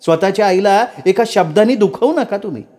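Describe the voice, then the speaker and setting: A man voicing a quick-tempered young mother who talks in a sharp, sarcastic, raised voice. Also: high voice, pitched above the performer's own voice, close to an everyday voice. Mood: shrill.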